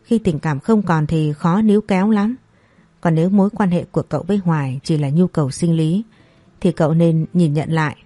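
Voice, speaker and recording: A woman voicing a calm, thoughtful middle-aged brother-in-law who gives measured advice. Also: lowish voice, dry recording, lightly acted.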